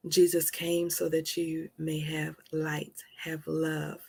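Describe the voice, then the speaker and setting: A woman hosting a motivational live stream, dropping to soft whispers for emphasis and calling listeners honey. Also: sits low, monotone, slow, creaky, husky.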